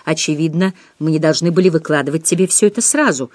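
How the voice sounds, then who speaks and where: A woman voicing a nervous, gentle young woman who speaks softly. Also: sits low, fast talker, dry recording. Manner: soft, gentle.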